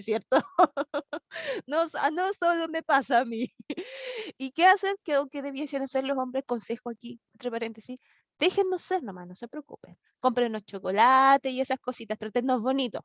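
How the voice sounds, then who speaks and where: A young woman with a Chilean accent leads a youth Bible lesson over a video call. Her voice sits high, and the sound is dry and close. She talks in a lively, chatty way, laughs often and acts out little exchanges as she teaches. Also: no echo. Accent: Chilean Spanish.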